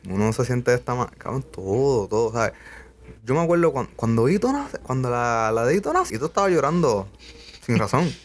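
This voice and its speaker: A man's voice: medium pitch, very animated, brisk. A young man hosting a podcast, talking casually and earnestly, peppering his speech with swearing. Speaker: podcast host. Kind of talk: casual conversation.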